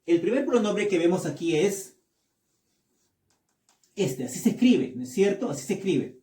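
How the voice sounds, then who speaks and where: A man teaching a classroom lesson, speaking slowly, repeating words and checking often that the class follows. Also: high-pitched, very animated, warm tone, echoey room, far from the mic. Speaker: English teacher.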